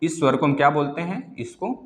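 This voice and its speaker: A man's voice: fairly high pitch, lively intonation, brisk. A man teaching Hindi grammar in an exam-prep lecture, repeating key words and quizzing his students, calling them "beta". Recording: echoey room.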